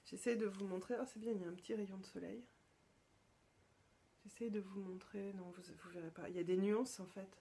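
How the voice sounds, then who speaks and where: Hesitant, mellow-voiced French woman host. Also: mid-range voice, steady tone, a little fast, slightly rough. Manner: hesitant, many fillers and restarts; drops to soft whispered asides. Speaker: podcast host. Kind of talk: casual show-and-tell chat.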